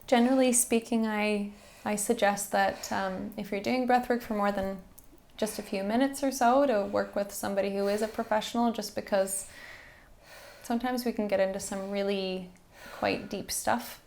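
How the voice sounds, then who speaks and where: A woman instructor softly guiding a breathing exercise in a soothing, encouraging manner, with background noise in the recording. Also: mid-range voice, steady tone, normal speed. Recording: faint-to-clear background noise and ambience.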